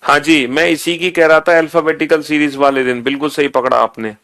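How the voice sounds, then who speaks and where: A man teaching an online exam-prep lesson, drilling students slowly and repetitively, calling them beta. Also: fairly high pitch, steady tone, fairly bright tone.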